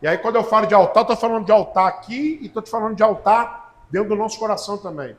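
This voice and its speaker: A man preaches a sermon in a strikingly high voice. He leans hard on slow, stressed phrases, then rushes through the follow-up, and calls on listeners by name. The room around him rings with echo. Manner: talks to the listeners directly, calling on people by name. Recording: echoey room.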